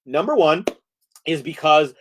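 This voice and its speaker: A man's voice: on the high side, lively intonation, unhurried, a bit bright, slight background noise. A middle-aged man performing a solo virtual improv comedy show, explaining a game and then playing it with playful, rising energy.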